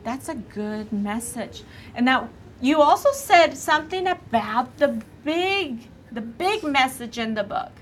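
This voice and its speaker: A woman's voice: high-pitched, lively intonation, unhurried. A woman primary school teacher in a classroom discussion, encouraging children and checking back with questions. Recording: faint classroom background noise. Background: room ambience and young children.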